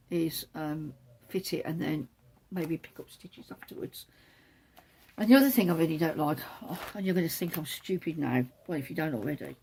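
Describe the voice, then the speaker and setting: A woman's voice: on the low side, mellow, a little hiss or hum. A woman hosting a knitting podcast, chatting casually as she shows patterns from a book, rambling and correcting herself as she goes.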